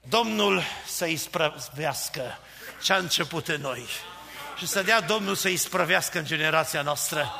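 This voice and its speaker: A man preaching a fervent sermon, building from quiet pleading to shouted proclamations. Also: fairly high pitch, gravelly. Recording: long reverb of a church hall.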